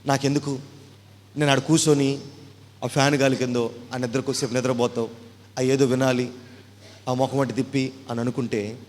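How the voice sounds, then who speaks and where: A male pastor from India preaching an impassioned sermon, firing volleys of rhetorical questions and swelling toward shouting. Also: medium pitch, flat delivery, moderate pace, long pauses, long reverb tail, slight background noise.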